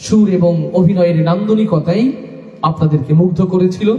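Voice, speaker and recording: High-voiced man rousing a live crowd. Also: warm tone, muffled recording. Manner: rousing the crowd with call-and-response; gives instructions to the sound crew. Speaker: stage host and singer of an Islamic program. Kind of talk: live stage emceeing. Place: live outdoor-style stage event with audience. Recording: echoey, reverberant live PA sound.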